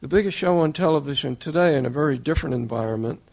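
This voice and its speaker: An older man giving an earnest, measured tribute as interviewer, laying out his points one by one. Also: fairly high pitch, darkish tone. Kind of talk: formal tribute speech.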